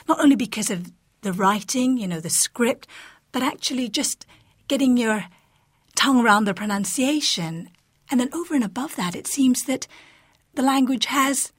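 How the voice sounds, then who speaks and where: Higher-voiced chatty woman interviewer. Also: breathy edge, dry recording, clean studio sound. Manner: chatty, frequent "you know". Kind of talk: interview questions.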